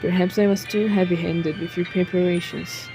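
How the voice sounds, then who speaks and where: A woman's voice: mid-range voice, unhurried, music in the background, close to an everyday voice, poor audio. A woman voicing a cheerful, teasing male vampire lord in a game, speaking in a polite, courtly way. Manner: polite, teasing, stumbles over names.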